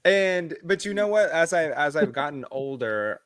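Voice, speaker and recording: A man co-hosting a podcast, telling animated stories in casual chat and swearing freely. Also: a little high, moderate pace, no echo, clean studio sound. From United States. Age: adult, past his early twenties. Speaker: podcast co-host.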